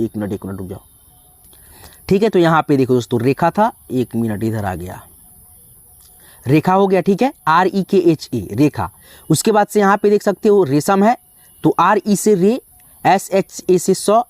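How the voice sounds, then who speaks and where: A teacher slowly spelling out words one letter at a time, often calling the listeners friends. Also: mid-range voice, darkish tone, no room sound. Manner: slow, drawn-out spelling with frequent "dosto". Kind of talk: spelling lesson.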